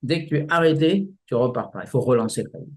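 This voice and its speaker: Male martial arts teacher, halting, vivid examples, guest interview. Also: mid-range voice, expressive. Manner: halting, many restarts, explains with images. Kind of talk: casual explanatory interview.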